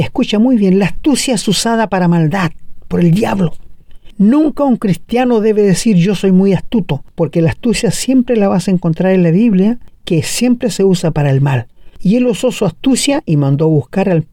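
A man's voice: high voice, dark tone, no echo. A middle-aged man with a Chilean Spanish accent, preaching an earnest sermon and speaking directly to his listeners.

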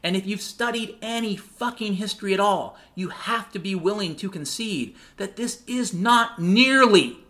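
A man's voice: high-pitched, moderate pace, hardly any pauses, a bit bright. A male podcast host delivering a heated, sarcastic monologue, swearing often. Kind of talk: profane ranting monologue.

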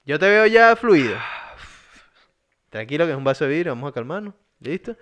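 A man's voice: fairly high pitch, big pitch swings, fairly quick, fairly bright tone. Teasing Venezuelan man hosting. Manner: teasing, joking, playful. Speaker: host. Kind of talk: casual chat.

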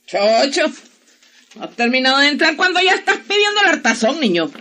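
A man's voice: very high-pitched, sing-song, fairly quick, heavily acted. A man voicing a bossy, nagging wife in a radio play. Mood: scolding. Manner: nagging, sharp-tongued. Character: scolding bossy wife, middle-aged woman.

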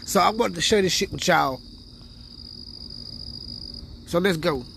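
A man's voice: sits high, unhurried, gravelly, a bit bright, slight background noise. A man hosting his own podcast in loose, boastful street slang, full of profanity and filler tags like "you dig" and "you know what I'm saying". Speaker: podcast host. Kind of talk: casual profane podcast chat. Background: faint crickets and insects.

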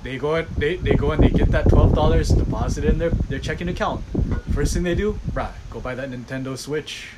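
A man with a Hawaiian accent whose voice sits a little higher than most. He talks emphatically and repeats his main points like a pep talk. Heavy wind noise buffets the mic. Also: brisk. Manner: emphatic, preachy, repeats key phrases. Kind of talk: casual chat. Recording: loud wind noise outdoors.

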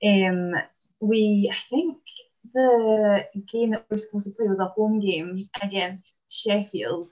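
A Scottish woman in her twenties, a basketball player and dentist, chatting casually in an interview with many "um" pauses. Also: mid-range voice, fairly even intonation, a little mellow, lo-fi sound. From Scotland.

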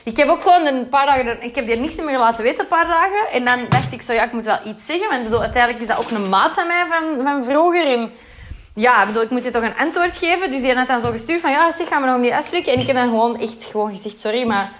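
A woman's voice: high-pitched, animated, fast, a bit bright, slight background noise. A young woman with a Flemish accent telling a story in a casual, chatty way, full of fillers and acted-out quotes with English swears thrown in.

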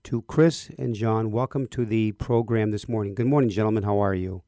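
A man's voice: lowish voice, fairly even intonation, normal speed, dark tone, no room sound. A man hosting a religious radio talk show from a studio, with an upbeat announcer cadence. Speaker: radio host.

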